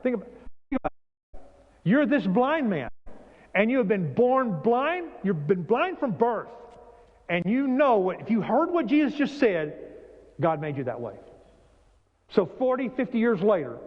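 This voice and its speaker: A man's voice: high-pitched, sing-song, a little slow, long pauses. A middle-aged man preaching an earnest sermon, building up to emphatic storytelling. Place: church sanctuary. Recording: dull sound, long hall reverb.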